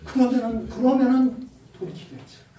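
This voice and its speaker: A male pastor preaching a Bible lecture sermon, animated and acting out quoted speech. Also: very high voice, normal speed, a little hiss or hum. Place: church sanctuary. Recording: roomy distant church mic.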